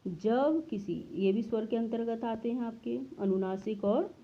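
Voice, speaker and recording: Woman teacher, very slow and deliberate, slightly dull lo-fi recording. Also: a little high. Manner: slow, deliberate explanation, drawing out example sounds. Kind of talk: Hindi grammar lesson.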